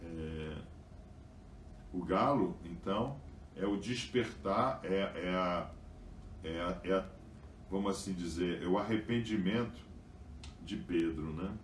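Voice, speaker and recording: A man's voice: sits low, slow pace, long pauses, roomy sound, far from the mic, slight background noise. A man giving a Bible study lecture, tagging his sentences with "tá?" and "né?" and reading passages aloud with emphasis. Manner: frequent "tá?" and "né?" tags, reads passages aloud with emphasis. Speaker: religious teacher.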